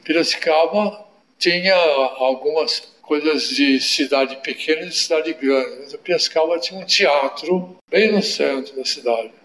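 A man in his eighties reminiscing in an interview, telling stories in an unhurried way with tag questions. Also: a little high, fairly bright tone. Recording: echoey room.

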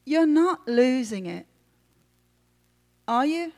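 A woman voicing a cheeky young man who teases and reassures in a quick, chummy way. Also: sits high, animated, darkish tone, in a large hall, full character voice. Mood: playful.

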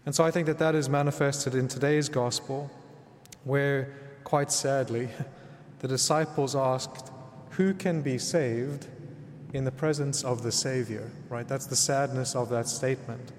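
A man's voice: medium pitch, level tone, normal speed, slight background noise. Man preaching in a long cathedral echo. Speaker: priest. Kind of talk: Gospel reading and homily. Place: large reverberant church indoors. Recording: long cathedral-like echo, reverberant church hall.

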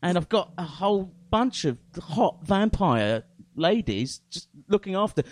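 A man, co-hosting a comedy podcast, deadpan and jokey. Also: high-pitched, a little slow, dry recording. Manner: deadpan jokey, puts on silly voices in quoted bits. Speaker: podcast co-host. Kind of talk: comedic banter.

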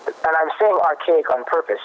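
A man explaining parenting research in a conversational way, pausing and restarting as he thinks. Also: fairly high pitch. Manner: thoughtful, restarts often, cites research. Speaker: guest expert on parenting. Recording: muffled lo-fi audio.

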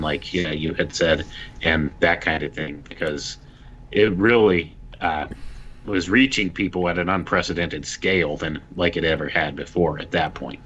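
A man in his forties co-hosting a casual live-stream talk, relaxed and quick to agree. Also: rumbling low, slightly rough, muffled recording. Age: 40s. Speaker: podcast co-host.

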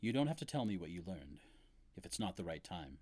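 A man acting a patient priest hearing a phone confession, speaking calmly and gently probing. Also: sits low, dry recording. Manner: calm, measured, gently probing.

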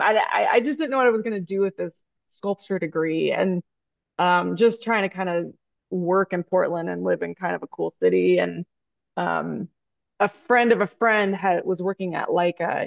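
A woman with a low, gravelly voice tells stories in a relaxed interview. She rambles, padding her talk with fillers and restarts. The recording is dry and a little dull. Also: dry recording. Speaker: guest, stop motion animator. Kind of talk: casual interview storytelling. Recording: dry, dull lo-fi podcast audio.

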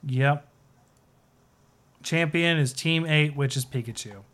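A man's voice: a little high, slow pace, fairly bright tone. A man co-hosting a casual podcast, rambling with lots of fillers and restarts. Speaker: podcast co-host. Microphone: video call setup, sharing his screen.

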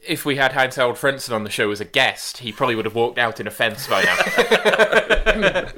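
A man's voice: mid-range voice, lively intonation, moderate pace, noisy background. A man co-hosting a podcast, analysing a TV show in casual chat with a dry, wry, analytical manner. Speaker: podcast co-host.

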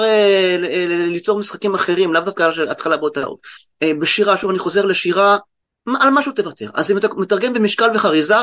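A man with an Israeli accent explaining things conversationally as an interview guest, halting and often restarting mid-word. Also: high-pitched, a bit bright. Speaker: guest translator and poet.

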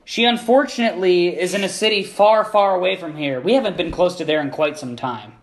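Man doing a young woman sailor, high light voice, polite, wistful, tabletop role-play. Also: fairly quick, close to an everyday voice.

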